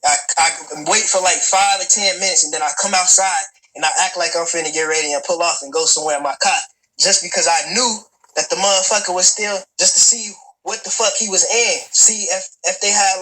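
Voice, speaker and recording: A young man in his twenties delivers a long, rambling, profanity-laced personal story, stammering, restarting and turning to address his listeners directly. His voice sits high, bright and forceful, with a steady tone and a fairly quick pace. The audio quality is poor.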